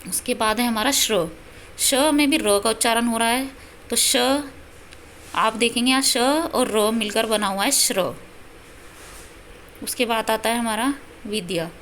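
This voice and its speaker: A woman giving a self-study language lesson, breaking words into their sounds with patient, deliberate explanation. Her voice sits a little high, and a faint hiss lies under the recording. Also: fairly bright tone. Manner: patient explaining, spelling out syllables. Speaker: Sanskrit teacher.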